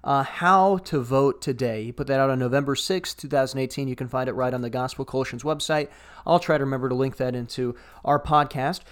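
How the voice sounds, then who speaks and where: A man co-hosting a casual podcast, talking with a dry, wry edge. He reads passages aloud and then comments on them. His voice sits at an ordinary middle pitch for a man. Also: steady tone, a little fast, clean tone. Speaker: podcast co-host.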